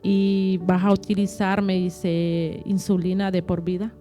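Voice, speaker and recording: A woman telling a personal testimony in an interview. She talks haltingly, repeats words and acts out what others said. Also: mid-range voice, level tone, dark tone, soft background music.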